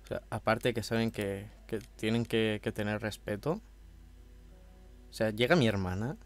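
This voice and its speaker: Soft background music plays as a gameplay commentator with a slight cold and a somewhat hoarse throat chats casually and swears from a room at home. He speaks at a moderate pace in a fairly low voice.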